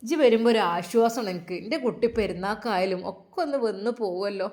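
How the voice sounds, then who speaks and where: A woman voicing an older mother who is gentle and tearful, soothing her son. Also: medium pitch, fast, close to an everyday voice. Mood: soothing, sorrowful. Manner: soothing, pleading.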